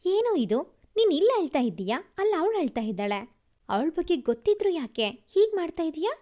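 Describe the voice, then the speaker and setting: A woman's voice: sits high, expressive, moderate pace. A woman voicing a stern protective young man. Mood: scolding. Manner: threatening, scolding.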